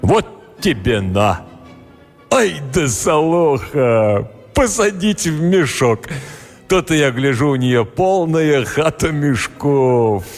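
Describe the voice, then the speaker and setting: A man voicing a boisterous middle-aged male Cossack villager who exclaims and grumbles in drawn-out phrases. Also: on the high side, big pitch swings, pitched above the performer's own voice, heavily acted. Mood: indignant. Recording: roomy reverb, soft music behind.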